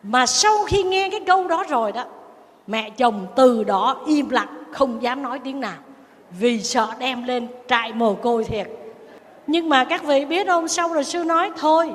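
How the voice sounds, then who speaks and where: A Buddhist nun giving a sermon, telling stories and acting out the people in them. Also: female voice, high voice, lively intonation, normal speed, in a large hall. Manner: storytelling, acting out family quarrels.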